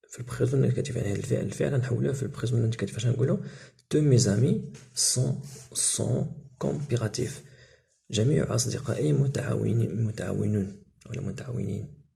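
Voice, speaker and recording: Fast, very gravelly Moroccan man teaching. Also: mid-range voice, warm tone. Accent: Moroccan Arabic. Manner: mixes Arabic with French terms, reads examples slowly. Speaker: French teacher. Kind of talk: explaining a textbook lesson.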